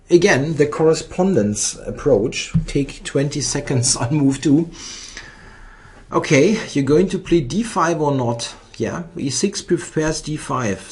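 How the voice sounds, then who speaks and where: Guy doing live chess commentary on his own blitz game, slow pace, kinda mutters to himself while thinking. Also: on the high side, a little mellow.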